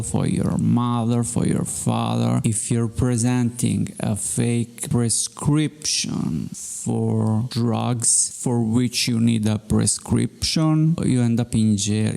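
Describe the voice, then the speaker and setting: Male reaction host, slow and gravelly, dry lecturing commentary. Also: medium pitch, dark tone. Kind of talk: commenting on bodycam footage.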